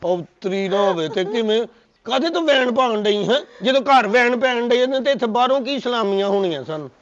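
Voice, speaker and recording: A man's voice: extremely high pitch, animated, brisk. A man playing a young man who acts girly and fussy and speaks of himself as a woman. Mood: soothing. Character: young man suddenly acting girly and coy. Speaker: comic actor. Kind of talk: comedy sketch acting. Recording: dull lo-fi recording.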